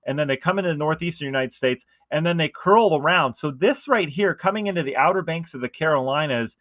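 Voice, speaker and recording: A man giving a casual, conversational weather forecast, excited about the pattern and often asking viewers rhetorical questions. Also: on the high side, no echo. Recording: dry, phone-like narrow band.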